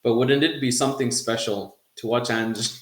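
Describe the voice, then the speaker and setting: A man's voice: mid-range voice, steady tone, moderate pace, a bit bright, echoey room. A man hosting a casual football podcast, chatting loosely and laughing now and then. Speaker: podcast host.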